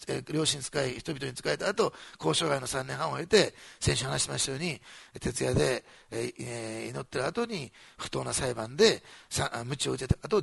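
Gravelly, lively Japanese pastor preaching. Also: male voice, a little high, no room sound. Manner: animated, jokes with congregation, repeats phrases for emphasis. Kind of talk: sermon.

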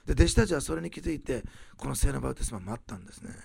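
A man preaching a sermon, rising loud on key phrases and dropping to soft, quiet asides. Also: mid-range voice, expressive, racing, gravelly, breathy edge, dry recording. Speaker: pastor.

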